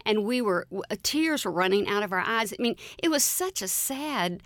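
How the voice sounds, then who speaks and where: Gravelly woman recalling a sad event. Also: medium pitch, lively intonation, moderate pace, fairly bright tone, no echo. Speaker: eyewitness interviewee. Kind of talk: documentary interview.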